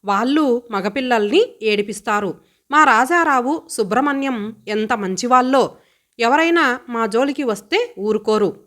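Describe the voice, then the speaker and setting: Female narrator doing a defiant student girl, fast retorts, slightly high voice. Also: lively intonation, a bit bright. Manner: bold, mocking, quick retorts. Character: headstrong teasing college girl.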